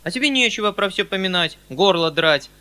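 A male reader plays a kindly older landowner uncle, fussing and hurrying over his words. The voice is raised, loud and bright. The manner is excitable and slightly pleading. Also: on the high side. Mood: flustered eager. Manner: fussy, hurried, excitable.

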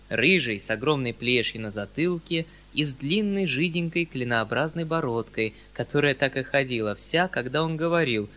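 A man narrating a classic novel as an audiobook, in an even, steady storytelling manner. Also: medium pitch. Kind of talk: scripted literary narration.

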